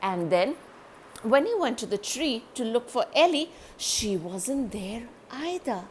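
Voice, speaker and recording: A woman reading a children's story aloud, animated and speaking directly to young listeners. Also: a little high, unhurried, a little hiss or hum.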